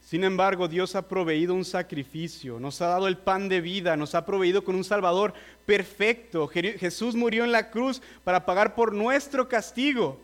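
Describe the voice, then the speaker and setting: High-voiced earnest preacher man. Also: normal speed. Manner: earnest, urging listeners directly. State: nervous, admits trembling. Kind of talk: sermon.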